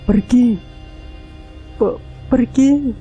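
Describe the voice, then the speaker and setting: A man voicing a terrified mother in a horror story, pleading for her children in a trembling, halting voice. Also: very high voice, warm tone, soft background music, voice pushed up, exaggerated voice.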